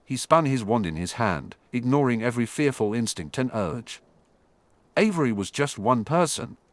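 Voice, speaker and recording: A man narrating an audiobook in an expressive storytelling manner. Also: mid-range voice, no room sound.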